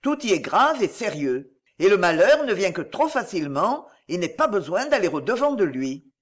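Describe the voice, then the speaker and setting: A man's voice: high voice, sing-song, normal speed. A man doing a cold, stern ironmaster husband. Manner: cold, severe, mocking.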